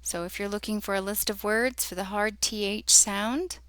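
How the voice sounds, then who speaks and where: A woman teaching a phonics lesson, sounding out words letter by letter in a patient, deliberate way. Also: mid-range voice, fairly even intonation, fairly bright tone, clear, resonant tone, no echo, clean studio sound. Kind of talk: slow instructional phonics lesson.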